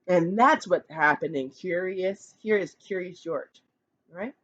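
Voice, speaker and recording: A woman who teaches kindergarten, reading picture books aloud slowly and expressively, with chatty asides to the children. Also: muffled recording. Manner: slow, expressive read-aloud with lively pitch, chatty asides.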